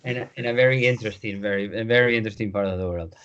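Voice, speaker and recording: A man's voice: fairly low pitch, very fast, fairly bright tone, smooth, dull audio. A man from Barcelona talking casually on a call, repeating himself as he talks. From Barcelona, Spain. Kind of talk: casual video call discussion.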